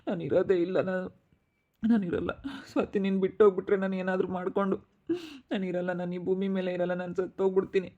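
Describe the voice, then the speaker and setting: A man's voice: high voice, level tone, fast, narrow, tinny audio. A man acting a distressed young husband in an amateur family skit, pleading and repeating himself. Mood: despairing. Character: distressed young husband, despairing over money.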